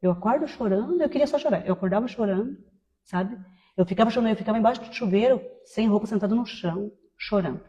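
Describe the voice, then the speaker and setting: A woman in her fifties giving a personal testimony in a conversational way, tagging many phrases with quick questions. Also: medium pitch, warm tone, in a large hall, muffled recording. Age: 50s. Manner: conversational, tag questions after most phrases. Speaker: testimony speaker.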